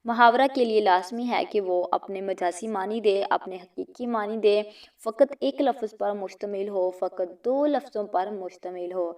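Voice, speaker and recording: A woman teacher works steadily through multiple-choice exam questions, reading each one and its options before giving the right answer. Her pitch sits in an ordinary middle range. The recording has her a little distant from the mic. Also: a little mellow.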